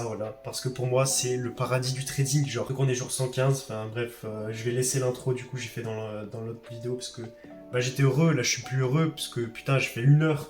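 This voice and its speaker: A man's voice: mid-range voice, darkish tone. Rambling young man, roomy sound. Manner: rambling, self-deprecating, many fillers. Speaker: trading vlogger. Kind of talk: casual chat while backtesting charts.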